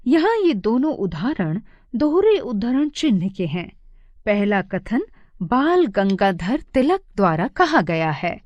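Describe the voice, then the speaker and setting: A woman narrating an animated grammar lesson for children as a teacher, speaking expressively and stressing each example sentence. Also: mid-range voice, dry recording, clean studio sound.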